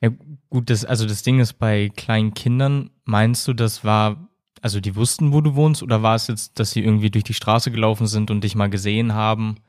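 A man's voice: lowish voice, fairly even intonation, a little fast, darkish tone, dry recording. Man hosting an interview, dry sound. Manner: probing follow-up questions with restarts and short backchannels. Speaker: podcast host. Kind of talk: conversational interview.

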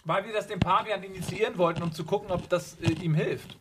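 A man's voice: high-pitched, fairly even intonation, quick pace, heavy background noise. A man playing a tabletop game, goofy and joking with the others. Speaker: player. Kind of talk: casual chat during a tabletop game.

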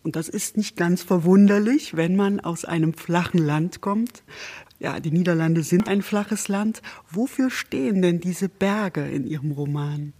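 A woman's voice: on the low side, unhurried, dark tone, breathy edge. A woman journalist hosting a book podcast, summarizing a novel and putting questions to the author in a composed, explanatory way. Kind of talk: interview, book discussion.

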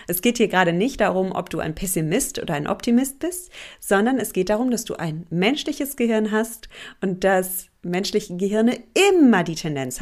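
A woman in her thirties talks through her self-help podcast in a lively, chatty way. She is open and emotional, and she often breaks into laughter. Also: mid-range voice. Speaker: podcast host and coach.

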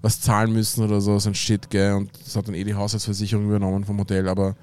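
A man's voice: lowish voice, completely flat delivery, racing, a little mellow, clear, resonant tone. A young man with an Austrian German accent, rambling through an anecdote in casual slang with lots of fillers. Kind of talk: casual chat.

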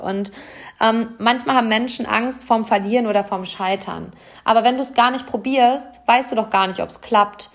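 A woman hosting a solo motivational podcast, talking earnestly and directly to the listener with a bubbly, encouraging manner. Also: fairly high pitch. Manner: lively and bubbly, by her own words. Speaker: podcast host.

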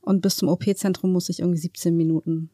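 A woman in her thirties from Turkey, a senior physician guesting on a podcast, relaxed and quick to laugh. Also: lowish voice, dry recording, clean studio sound. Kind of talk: casual conversational interview.

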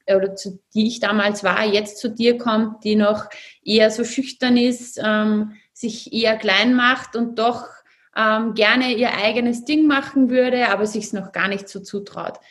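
A woman's voice: a little high, fairly even intonation, measured pace, fairly bright tone. A woman hosting an interview, asking questions hesitantly with many fillers. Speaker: podcast host. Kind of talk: interviewing a guest.

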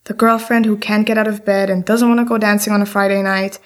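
A woman's voice: mid-range voice, little pitch movement, fast talker, lightly acted. An actress playing an anxious, heartbroken young woman in an audio drama, speaking in a self-deprecating, apologetic way. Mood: dejected. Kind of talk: scripted audio drama dialogue.

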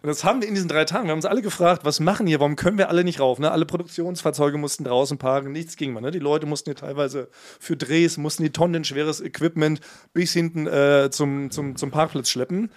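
Co-host: man, high-pitched voice, theatrical mock outrage, amused casual delivery. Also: fast. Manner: theatrical, mock-indignant, laughs while telling. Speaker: podcast co-host. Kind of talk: casual comedic chat.

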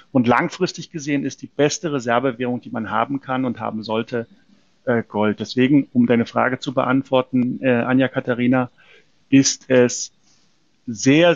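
Gravelly-voiced man explaining gold investing. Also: mid-range voice, no echo, dull audio. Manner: explanatory, hesitant with fillers and restarts. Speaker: precious metals company representative. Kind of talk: conversational interview answers.

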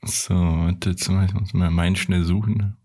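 A man's voice: low voice, fairly even intonation, measured pace, warm tone. A man co-hosting a podcast, chatting casually with enthusiastic, slangy praise. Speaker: podcast co-host. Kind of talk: casual chat.

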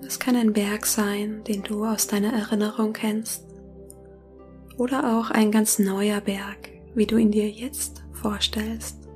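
A woman guides a meditation in a soft, breathy near-whisper, slowly and calmly with long pauses. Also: medium pitch, soft background music. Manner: slow, calming, long pauses between phrases. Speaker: meditation guide and podcast host.

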